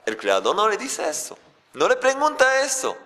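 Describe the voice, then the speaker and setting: Animated preaching man in a reverberant hall. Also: high voice, normal speed. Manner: animated preaching, rhetorical questions. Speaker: rabbi. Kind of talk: sermon.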